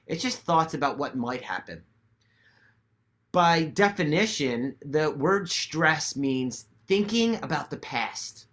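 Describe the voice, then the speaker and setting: A man giving guided meditation instruction to viewers in a gentle, reassuring and measured way. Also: on the high side. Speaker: meditation teacher.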